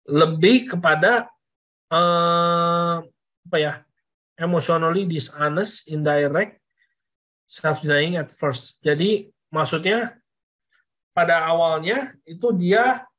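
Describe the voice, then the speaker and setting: A man's voice: on the high side, fairly bright tone. Casual Indonesian man teaching parents. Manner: conversational, repeats phrases, asks "oke?". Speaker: parenting educator. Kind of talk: casual presentation lesson with slides.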